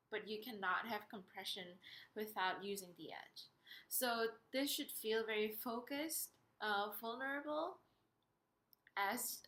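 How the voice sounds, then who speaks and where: A woman giving an instructional singing lesson, explaining step by step in a hesitant, pausing way. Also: mid-range voice, sharp tone. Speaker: singing teacher. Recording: roomy, echoey sound.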